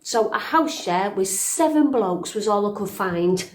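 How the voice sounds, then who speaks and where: In this conversational dramatic monologue, a woman portrays a middle-aged fairytale princess looking back on her years. Her medium-pitched, natural voice is animated yet unhurried, wry and confiding, with weary, understated humor, and the space around her echoes.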